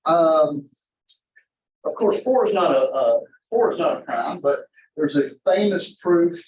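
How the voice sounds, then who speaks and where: A man giving an informal university math lecture in a rambling, halting way, often interrupting himself and drifting into asides. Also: fairly high pitch, lively intonation, a little mellow. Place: indoor classroom. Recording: echoey lecture room, distant mic.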